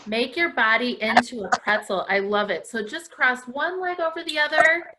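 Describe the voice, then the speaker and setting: A dance class host leads children's stretches in a live lesson for viewers at home, encouraging them and praising often. Her voice is a little high at a normal speed, and the recording is very noisy.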